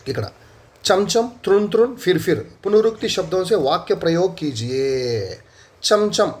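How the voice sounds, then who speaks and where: A man teaching a Hindi lesson with a Telugu accent. His voice sits a little high and swings up and down with lively energy. He explains patiently, repeating words and example sentences.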